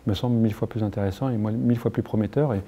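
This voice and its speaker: A middle-aged French man answering interview questions in a halting, earnest way, with many restarts and fillers. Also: on the low side, fairly even intonation, warm tone. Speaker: motion capture engineer being interviewed.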